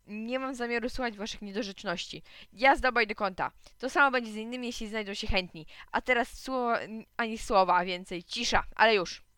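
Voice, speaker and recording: Kobieta czyta jako surowy wychowawca. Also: female voice, fairly high pitch, quick pace, hardly any pauses, pushed and bright, dry recording. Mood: stern. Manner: stern, commanding. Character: stern adult male school supervisor.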